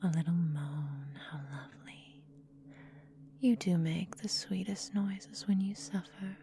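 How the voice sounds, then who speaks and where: A woman whispers close to the microphone in an ASMR roleplay, voicing a menacing, possessive vampire mistress. Her lowish voice is slow, breathy, calm, and deliberate, with a coolly domineering edge, and the background is noisy.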